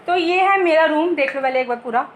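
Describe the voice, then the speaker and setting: Young woman chatting thru a home tour, high voice, kinda echoey room w faint background hum. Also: fairly quick. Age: young adult. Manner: chatty, joking, addresses viewers directly. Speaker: vlogger giving a home tour. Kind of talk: casual home tour chat. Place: rooms of a home, indoors.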